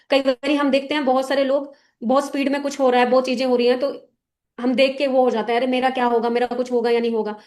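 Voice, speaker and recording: A team leader at a business meeting gives a motivational talk to her sales team, her high voice carrying a darkish tone. She coaches directly and instructively, often checking that everyone understands.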